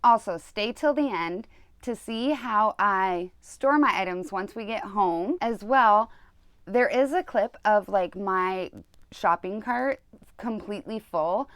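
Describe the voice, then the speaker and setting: A woman's voice: mid-range voice, dry recording, clean studio sound. A woman vlogger giving casual, conversational how-to tips. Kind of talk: casual how-to vlog chat. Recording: clear background noise.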